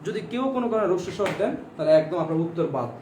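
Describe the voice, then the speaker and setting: A man's voice: high voice, expressive, rapid-fire, a little mellow, far from the mic. A male teacher giving an online exam-prep lecture, repeating points and asking questions that he answers himself, stretching out example words to show how they are said. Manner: repetitive, quizzes listeners with questions and answers them himself. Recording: echoey room, voice a bit off-mic, faint background noise.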